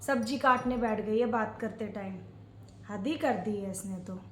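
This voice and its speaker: A woman playing a bossy, scolding middle-aged mother and mother-in-law in a family skit, in a brisk, commanding, slightly sharp manner. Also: medium pitch, a little hiss or hum, voice pushed down, lightly acted. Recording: echoey room.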